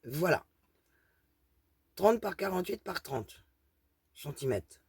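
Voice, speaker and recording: This craft vlogger's lowish, darkish voice swings widely in pitch and has a breathy edge, and she takes her time. The recording is studio quality with no room sound as she talks hesitantly through her haul in a thick regional accent, using lots of fillers.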